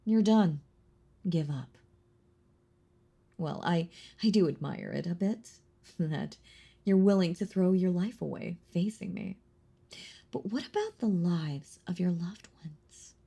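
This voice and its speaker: A woman voices an ancient female vampire in an intimate audio roleplay, her slow, husky murmur pitched on the low side and edged with creak. Heavily acted, the performance is possessive and condescending, teasing the listener with quiet menace and often dropping into whispers. The mood is jealous and threatening.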